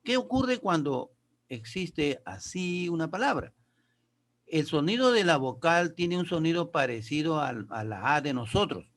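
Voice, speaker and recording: A male teacher with a slightly raised voice walks his pupils through grammar and pronunciation one step at a time. He reads English sentences aloud slowly and deliberately. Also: fairly high pitch, expressive, a bit bright. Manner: explains step by step, addresses pupils as kids. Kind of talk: classroom lesson.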